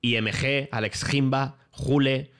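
A man's voice: mid-range voice, slow, clear, resonant tone. Slangy young man telling stories. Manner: animated storytelling with lots of slang and swearing. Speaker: streamer. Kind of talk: casual chat.

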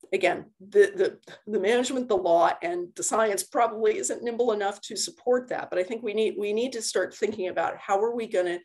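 A university lecturer gives an informal slide lecture with answers over a video call, picked up by a computer microphone, speaking conversationally and using everyday analogies. Her voice is low-ish, darkish, slightly rough, with vocal fry.

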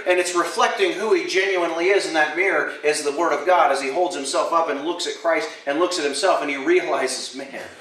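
A man preaching a sermon with a high, bright and forceful voice, swinging between hushed scripture readings and animated, self-mocking asides. The room rings with heavy echo, and he sounds set back from the mic. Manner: animated, self-deprecating humor. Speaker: pastor. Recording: echoey church hall, mic at a distance.

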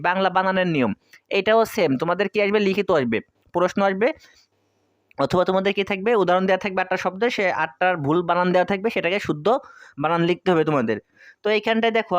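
A young man from Bangladesh tutoring exam students, firing off points quickly and answering his own questions as he repeats key facts. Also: sits high, dry recording, dull audio. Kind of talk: fast exam-prep lesson.

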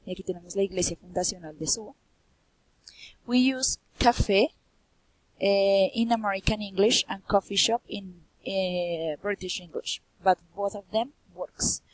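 Husky-voiced Colombian woman teacher. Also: mid-range voice, a little slow, no echo, poor audio. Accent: Bogotá Colombian Spanish. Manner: says each point in English, then repeats it in Spanish; lifts her voice on quiz questions. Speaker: English teacher. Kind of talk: bilingual vocabulary lesson.

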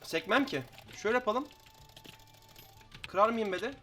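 A teenage boy giving excitable gameplay commentary, chatting to viewers, swearing and shouting at opponents. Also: high-pitched, measured pace, faint music behind. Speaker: gaming YouTuber.

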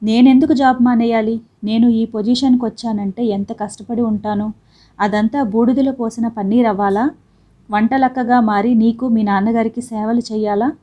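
A woman's voice: on the high side, steady tone, moderate pace, mellow, muffled recording, close to an everyday voice. A woman reading the part of a proud young working wife who argues back sharply and indignantly.

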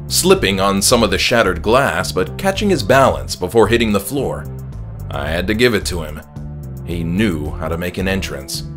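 Music runs behind a man reading his own horror audiobook aloud. He narrates the scripted text dramatically in the first person, his fairly low voice carrying a bit of brightness.

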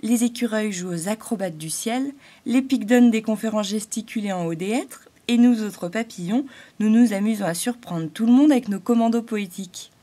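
A woman's voice: medium pitch, moderate pace, hardly any pauses, dark tone, close to an everyday voice. A woman voicing a cheerful, playful male butterfly in a fairy-tale audiobook. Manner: bubbly, enthusiastic.

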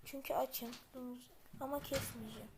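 A woman giving casual gameplay commentary, muttering to herself and then yelling in panic. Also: high-pitched, fairly even intonation, normal speed, background noise. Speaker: gameplay video maker.

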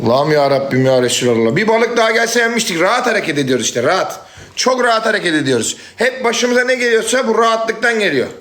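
A man hosting a livestream, teasing his guest and breaking into loud shouting. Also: sits high, big pitch swings, fast talker. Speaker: livestream host. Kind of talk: rowdy livestream banter.

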